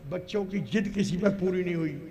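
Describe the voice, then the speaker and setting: Man as a saint, high voice, animated, storytelling, scolding gently. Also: a little fast, soft background music. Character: wise saint, storytelling elder. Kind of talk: folk stage play.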